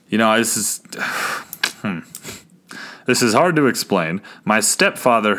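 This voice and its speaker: Excitable young man rambling on a podcast. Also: deep voice. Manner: rambling and excitable, many restarts and "you guys". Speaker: podcast host. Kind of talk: casual solo podcast talk.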